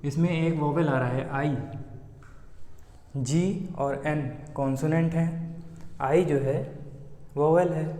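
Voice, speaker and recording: Slow patient male teacher, echoey room. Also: fairly high pitch, warm tone. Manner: slow, patient, asks then answers his own questions. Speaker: English grammar teacher. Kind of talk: explaining a lesson. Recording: echoey room with long reverb.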